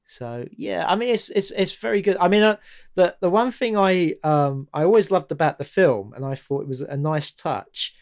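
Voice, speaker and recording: A man's voice: high voice, normal speed. A man in casual chat about a film, hesitant and full of restarts, laughing often. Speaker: podcast guest discussing a film.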